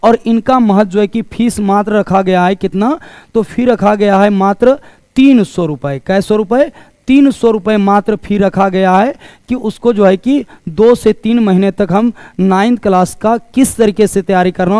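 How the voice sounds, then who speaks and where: A man giving a promotional pitch for coaching classes as a teacher, explaining things repetitively. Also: dark tone, smooth, no room sound. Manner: explanatory, repetitive, asks questions and answers them himself.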